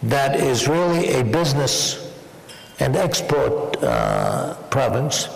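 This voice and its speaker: As honored guest at an onstage dinner interview in a large, echoey banquet hall, a man answers questions with wry jokes. His voice is medium-pitched and creaky.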